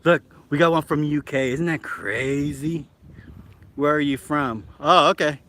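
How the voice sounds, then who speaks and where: A middle-aged Alaskan man hosts a casual live-stream vlog outdoors on a handheld camera, with a slightly high voice at a measured pace. He's excitable and chatty, using lots of fillers.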